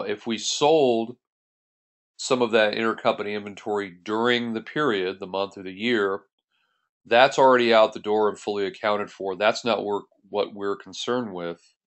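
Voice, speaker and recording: Over a screen recording, a man teaching accounting walks through a tutorial in a methodical, step-by-step manner. He speaks in a steady, fairly bright, low-leaning voice at a moderate pace.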